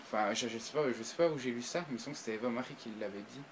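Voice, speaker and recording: Hesitant, excitable man reviewing. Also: medium pitch, very fast, background noise. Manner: hesitant, frequent restarts and fillers, bursts of excitement. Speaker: video reviewer. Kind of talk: casual spoken review to camera.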